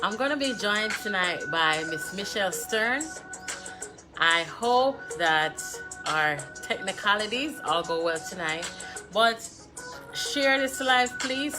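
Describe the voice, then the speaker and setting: A Jamaican woman hosts a live discussion stream from her phone. She talks in a slow, chatty way, greets her viewers by name and drops into patois now and then. Music plays clearly in the background. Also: medium pitch. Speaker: host of a live political discussion. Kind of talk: casual live-stream chat.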